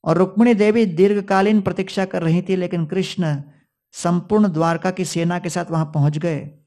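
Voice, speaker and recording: High-voiced male devotional storyteller. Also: fairly even intonation, moderate pace, darkish tone. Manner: storytelling, quoting Sanskrit verses, mixing in English words. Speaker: preacher. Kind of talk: devotional scripture storytelling discourse.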